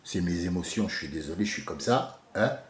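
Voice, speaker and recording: A man giving an informal religious commentary, passionate and digressive, swinging from soft musing to loud ranting. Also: low-pitched, lively intonation, a little fast, echoey room. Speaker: religious speaker.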